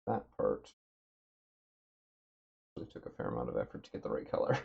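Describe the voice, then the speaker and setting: Low husky guy rambling on a stream while he paints, dry throat, slightly muffled mic. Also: moderate pace. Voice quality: dry throat, a bit rough. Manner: relaxed, thinking aloud with many fillers. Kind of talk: casual livestream chat. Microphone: desk mic with noise gate.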